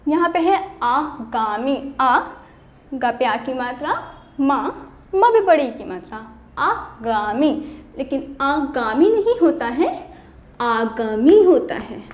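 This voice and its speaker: A woman teaching a Hindi class to schoolchildren. She is patient and spells words out slowly, syllable by syllable, asking the pupils questions and answering them herself. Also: sits high, big pitch swings, dull audio. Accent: Indian. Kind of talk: online classroom lesson.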